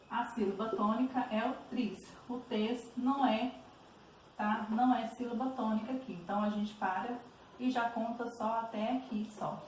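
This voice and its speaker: Teacher explaining exercises, higher-pitched Brazilian woman. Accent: Brazilian Portuguese. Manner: patient, repeats "tá bom?" checks. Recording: roomy echo, distant mic, faint noise.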